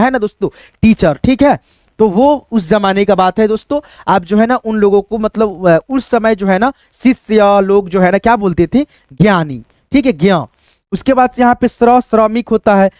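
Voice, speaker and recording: A man's voice: high voice, a little mellow, smooth, no room sound. A man teaching the Hindi alphabet to beginners in a casual classroom style, asking and answering his own questions with many fillers.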